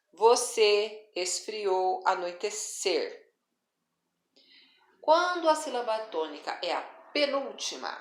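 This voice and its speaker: A woman teaching a school lesson, talking patiently and drawing out stressed syllables with "tá?" checks. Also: lowish voice. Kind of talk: classroom lesson. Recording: echoey room.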